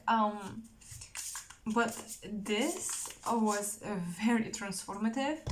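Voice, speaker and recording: Slow, soft-spoken woman tarot reader. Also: fairly high pitch, rough recording. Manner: slow, halting, searching for words with many restarts; earnest and emotional, addressing the viewer directly. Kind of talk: intuitive tarot reading to camera.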